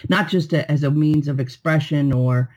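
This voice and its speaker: A woman's voice: sits low, normal speed, a little mellow. New york woman, poet guest on a podcast, thoughtful and friendly. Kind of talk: interview answers.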